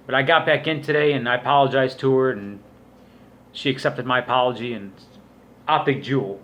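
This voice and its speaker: A man's voice: mid-range voice, fairly quick, fairly bright tone, highs cut off. A man giving a casual, rambling commentary rant as a vlogger, in a crude, scornful, swearing manner. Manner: crude, profanity-laden, scornful. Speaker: YouTube vlogger.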